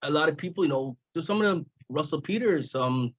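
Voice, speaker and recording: Laughing fifty-year-old comedian, lo-fi. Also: male voice, a little high, expressive, fairly quick. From Jamaica, raised in Montreal. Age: 50s. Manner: laughing, rambling storyteller with restarts. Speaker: comedian guest. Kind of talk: casual interview chat. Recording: dull lo-fi sound.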